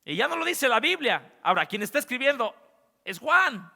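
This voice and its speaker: Brief: male pastor, high and bright, preaching in an animated way in a reverberant church hall. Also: normal speed, vocal fry. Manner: animated, swings between loud and hushed, talks straight to the congregation. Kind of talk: sermon. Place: church sanctuary.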